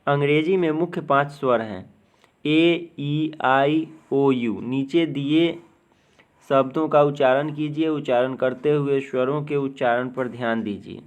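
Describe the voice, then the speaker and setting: A man teaching English pronunciation, reading word lists aloud one word at a time. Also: mid-range voice. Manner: slow, deliberate word-by-word reading.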